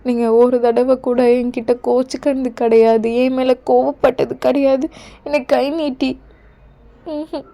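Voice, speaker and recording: A woman voicing a gentle young queen who pleads softly with her husband in a fan audio drama, over faint music. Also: high voice, flat delivery, a little slow, gravelly, dull audio. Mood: pleading.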